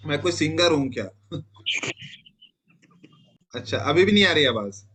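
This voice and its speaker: A male teacher giving an online class lecture. He asks questions, answers them himself and repeats key terms slowly. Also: a little high, animated, bright, forceful tone, husky. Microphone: online class stream over a network.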